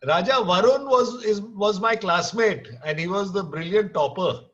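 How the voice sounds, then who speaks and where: A man's voice: high-pitched, moderate pace, a bit bright. A man with an Indian accent chatting casually and jokingly on a group video call, switching between Hindi and English. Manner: joking, informal. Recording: dull lo-fi video call audio.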